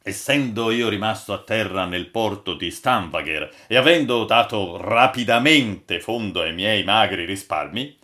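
A man voicing a gruff old ship's boatswain who spins yarns, booming and mock-stern, in an audiobook. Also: animated, a little slow, few pauses, bright, forceful tone. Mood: storytelling. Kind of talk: audiobook character voice.

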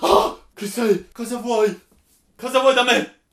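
A freaked-out young knight, way higher than his normal voice, yelling his head off, roomy echo. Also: takes it slowly, gravelly, exaggerated voice. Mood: terrified, repulsed. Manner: shouting in panic and disgust. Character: young knight woken in terror. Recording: echoey room.

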